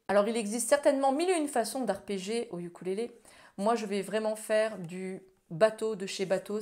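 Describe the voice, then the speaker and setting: A woman giving a casual ukulele tutorial, explaining chords and strumming step by step in a friendly way. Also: fairly high pitch. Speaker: ukulele teacher. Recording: loud ukulele music under voice. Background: loud ukulele playing.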